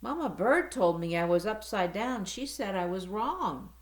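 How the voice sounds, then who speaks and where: A woman's voice: mid-range voice, unhurried, natural voice. A woman reading aloud and voicing Stellaluna, an earnest, curious young female bat, in a roomy space. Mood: confused. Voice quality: lively, storybook-animated. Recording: roomy echo.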